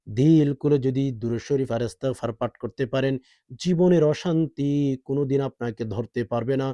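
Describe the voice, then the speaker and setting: A male Islamic preacher who talks quickly and urgently, then recites prayers slowly in drawn-out chant. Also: medium pitch, warm tone, no echo. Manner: fast urgent Bengali talk, slow drawn-out recitation. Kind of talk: sermon with chanted Arabic prayers.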